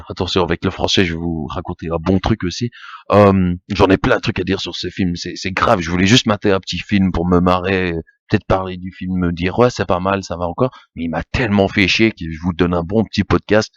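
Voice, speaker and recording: A man's voice: deep voice, no room sound, dull audio. A young man hosting a podcast, ranting casually about a film, stammering, repeating himself and swearing often. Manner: rambling, stammering, swears a lot. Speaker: podcast host.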